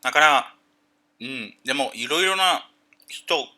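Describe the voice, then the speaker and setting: A man chatting casually on a livestream, greeting viewers and explaining things haltingly with many fillers. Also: mid-range voice, expressive, bright, forceful tone. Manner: greets chat viewers by name.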